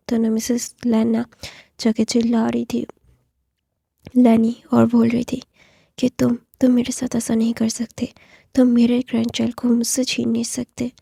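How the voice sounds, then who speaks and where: Give me a woman storyteller with a dark, gravelly, soft half-whispered voice. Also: a little high, dry recording, studio quality. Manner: soft, often half-whispered, many fillers. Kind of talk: retelling a fan story.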